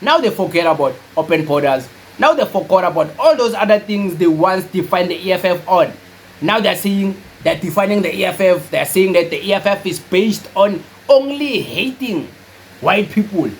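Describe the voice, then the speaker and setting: A man's voice: high voice, normal speed, slight background noise, rough recording. A young South African man giving casual, emphatic political commentary, repeating his points and slipping Zulu phrases into his speech. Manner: animated, repetitive and emphatic, mixes in Zulu phrases.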